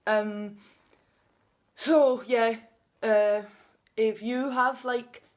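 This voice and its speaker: Her voice sits on the high side, with a steady tone and drawn-out words. A woman in her thirties vlogging outdoors on a sunny day, she opens up emotionally and unscripted, laughs now and then, and blocks on first sounds because of a stutter.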